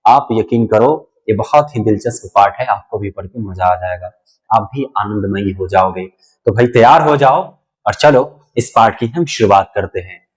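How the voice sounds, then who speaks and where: A man's voice: fairly low pitch, normal speed. A man giving a poetry lecture to students. He goes line by line in plain words and says phrases more than once. He speaks some lines in the poet's voice, as if consoling someone. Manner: explains each line in easy words, repeating phrases; acts out the poet's voice when paraphrasing. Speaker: teacher.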